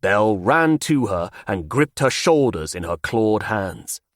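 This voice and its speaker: Male audiobook narrator, first-person fantasy, measured and low, dry studio sound. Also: sing-song, dry recording.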